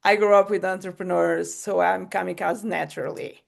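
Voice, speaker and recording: A gravelly, low-sided female voice with a steady tone and moderate pace comes from a podcast host from Portugal. Lacking sleep, she keeps the chat casual and rambling, laughing and cutting herself short.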